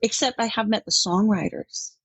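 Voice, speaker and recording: A woman's voice: mid-range voice, normal speed, breathy edge, no echo. A middle-aged woman from Denmark, a country music artist, chatting animatedly in an interview and laughing often. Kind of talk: casual interview talk.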